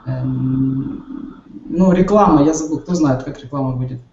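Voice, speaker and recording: Gravelly Ukrainian man, halting answers. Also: mid-range voice, a little mellow. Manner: hesitant, searching for words. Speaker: student. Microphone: video call. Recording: roomy lo-fi call with faint hiss.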